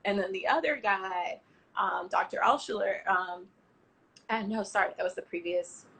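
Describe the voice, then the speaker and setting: A woman in her thirties from Miami, Florida, talking as an interview guest. She tells stories in a loose, chatty way, with plenty of fillers and quoted back-and-forth. Her voice sits at an ordinary middle pitch. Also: moderate pace, gravelly, husky. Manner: chatty, animated retelling with acted-out quotes and many fillers. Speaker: guest, travel platform founder. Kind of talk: casual interview storytelling.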